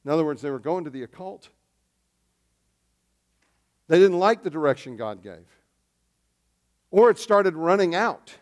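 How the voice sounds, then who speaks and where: A man preaching a sermon as pastor, swinging between loud emphasis and quiet asides. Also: a little high, expressive, a little slow, pauses often.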